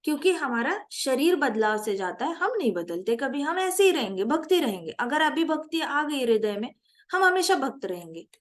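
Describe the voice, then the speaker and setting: Woman, high voice, animated scripture teacher. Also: normal speed. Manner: animated, mixes English phrases into Hindi teaching, asks class questions. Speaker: spiritual teacher. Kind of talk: scripture class lecture.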